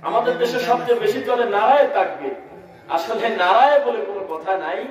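A man with a Bangladeshi Bengali accent preaching to a crowd, asking them to answer back and chanting verses in a slow melodic recitation. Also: very high-pitched, animated. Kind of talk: sermon at a religious gathering. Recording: very echoey hall, speaker far from mic.

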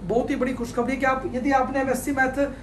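In this direct-to-camera advice video, a very high-pitched Indian man in his thirties, working as an education counselor, offers study tips quickly and with energy while using his hands to explain. His clip-on lapel mic picks up a little hiss or hum along with the echo and faint ambience of a small studio.

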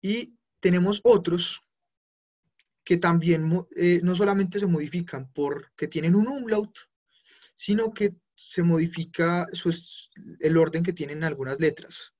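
A man teaching a live online German class, who explains slowly, spells out endings and corrects himself often. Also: sits high, darkish tone, lo-fi sound.

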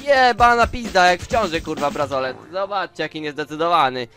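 A man's voice: fairly high pitch, expressive, a little fast, sharp tone, soft background music. A man giving gameplay commentary, ranting angrily and swearing constantly at the game. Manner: angry swearing rants at the game. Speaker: gaming channel host.

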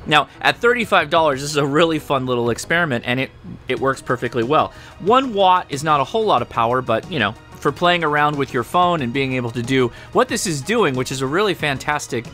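Brisk and animated, this higher-pitched, sharp-toned voice belongs to a ham radio channel host, an American man in his forties. He walks viewers through a hands-on tech product in a chatty, instructional way at his indoor home studio and workbench, with soft music playing behind him.

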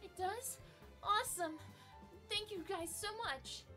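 Casting: woman playing an excitable, bumbling young video-game novice, very high-pitched, bright voice over music. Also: moderate pace, exaggerated voice. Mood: excited. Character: eager, naive young novice traveller in a fantasy game.

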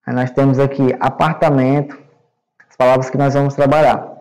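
A Brazilian male English teacher giving a recorded online class to young students, explaining slowly and patiently and checking understanding often. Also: mid-range voice, flat delivery, a little mellow, poor audio. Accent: Brazilian Portuguese. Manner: repeats words and checks with "né?" and "certo?".

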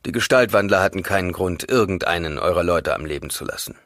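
Brief: male reader voicing a calculating ancient emperor, deep and lively in pitch, dry close mic. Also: fast, no echo. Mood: cool.

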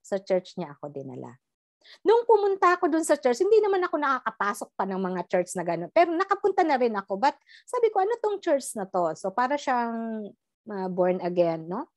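A middle-aged woman from the Philippines giving a personal testimony in an animated storytelling manner, mixing in English and often tagging "no?". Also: on the high side, brisk, no room sound. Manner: animated storytelling, Taglish, tag "no?". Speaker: guest sharing a life story.

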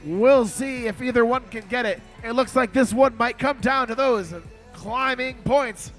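A man announcing a robotics match with energetic, excited play-by-play commentary in a competition arena. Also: extremely high pitch, a little slow, faint music behind.

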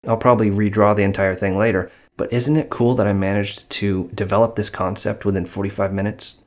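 Male illustrator, thirties, somewhat low voice, deadpan delivery of scripted host narration. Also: a little fast. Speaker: host, illustrator and comic artist. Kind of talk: scripted video narration to camera.

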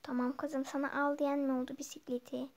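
A woman's voice: high voice, little pitch movement, a little fast. A girl voicing a fussy, strict young mom. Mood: fussing. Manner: scolding, fussing. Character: caring but strict young mother. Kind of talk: toy role-play with a game.

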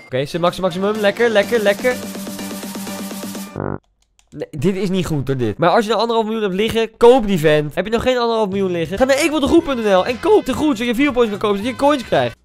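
A young man gives rapid commentary over his football game match, his high voice swinging wildly up and down as he talks. He reacts with excitable outbursts, and faint game music plays behind him. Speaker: gaming YouTuber. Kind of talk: live gameplay commentary.

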